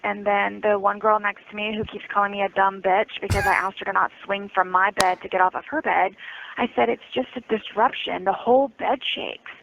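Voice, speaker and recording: A woman talks over a prison phone line, complaining in long run-on stretches. The call sounds tinny and thin, with faint hiss, and her voice has a gravelly edge. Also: mid-range voice, steady tone, fairly quick. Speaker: jail inmate on a call. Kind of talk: casual phone conversation.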